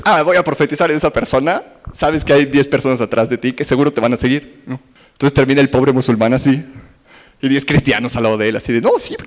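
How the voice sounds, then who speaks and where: A young man preaching a humorous sermon, telling the story with lively acted-out quotes. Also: fairly high pitch. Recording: long hall reverb.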